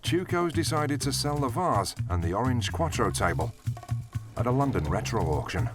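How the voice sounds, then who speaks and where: A man's voice: mid-range voice, big pitch swings, moderate pace, over music. A man reading scripted narration for a television documentary.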